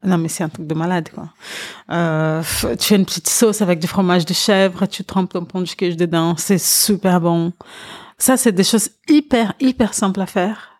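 A woman's voice: lowish voice, normal speed, a little mellow. A woman from Brazil chatting as a podcast guest, enthusiastic and laughing often, with many fillers. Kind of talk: casual interview chat.

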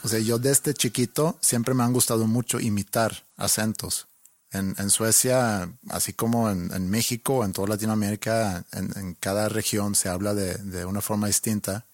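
A man's voice: fairly low pitch, fairly even intonation, moderate pace, no room sound, clean studio sound. A Mexican man chatting casually with a friend, telling easygoing stories about himself. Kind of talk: casual chat between friends.

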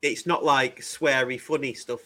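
A man's voice: medium pitch, fairly even intonation, a little slow, pushed and bright. A man hosting a podcast in casual, chatty style. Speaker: podcast host. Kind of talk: casual chat, running through show plans.

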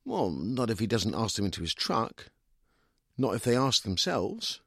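A man's voice: fairly low pitch, very animated, unhurried, a bit bright, husky, dry recording, clean studio sound, exaggerated voice. A man reading a story aloud, voicing a glum young man who mumbles hesitant, unsure answers. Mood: sullen.

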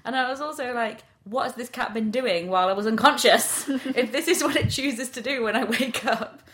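A woman's voice: on the high side, moderate pace, a bit bright. A British woman hosting a podcast, chatting casually and telling stories. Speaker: podcast host. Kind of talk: casual chat and storytelling.

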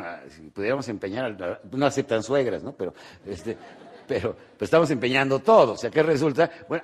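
Joking Mexican motivational speaker. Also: male voice, mid-range voice. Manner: jokey, rhetorical, checks in with "¿sí?"; swings between loud bursts and quiet asides. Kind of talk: live motivational conference talk. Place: conference hall with live audience.

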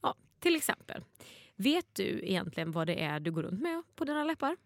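A woman's voice: medium pitch, big pitch swings, vocal fry, dry recording, clean studio sound. A middle-aged woman from Småland, co-hosting a podcast in a casual, informal and wordy chatting style. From Småland, Sweden. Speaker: podcast co-host.

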